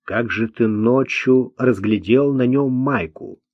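A man voicing a calm, patient man who questions a witness firmly, in an audiobook. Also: mid-range voice, no room sound. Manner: measured, firm, patient. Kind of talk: audiobook character voice. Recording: dull dry lo-fi recording.

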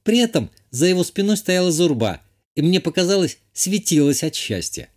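A man's voice: high-pitched, big pitch swings, moderate pace, a little mellow, voice pushed up. A man voicing a dry, matter-of-fact young baroness in an audiobook. He gives her a wry manner.

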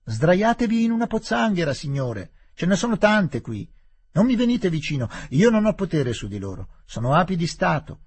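A man's voice: medium pitch, animated, moderate pace, mellow, husky, pitched above the performer's own voice. A man voicing a playful young Indian doctor who calls out in a raised, teasing voice.

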